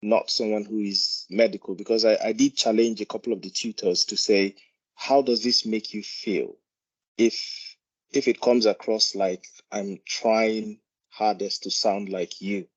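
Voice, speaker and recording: Low-pitched Nigerian man, explaining hesitantly. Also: steady tone, a little slow, highs cut off. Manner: hesitant, repeats words while explaining. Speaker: GP doctor, meeting participant. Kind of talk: informal discussion contribution.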